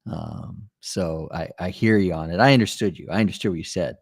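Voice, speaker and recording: A man's voice: deep voice, a little fast, no room sound, clean studio sound. A male podcast host from the Maryland area, chatting casually and joking, with lots of fillers. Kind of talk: casual interview talk.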